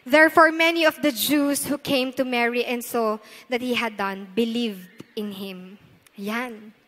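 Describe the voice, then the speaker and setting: A woman pastor with a Filipino accent preaching a sermon in a church, mixing Tagalog and English and swinging between loud emphasis and hushed intensity. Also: a little high, steady tone, unhurried. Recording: long reverb of a large hall.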